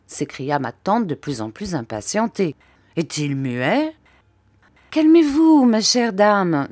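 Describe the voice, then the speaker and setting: A woman reading a classic novel aloud in measured, expressive narration. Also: low voice, no room sound. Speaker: audiobook reader.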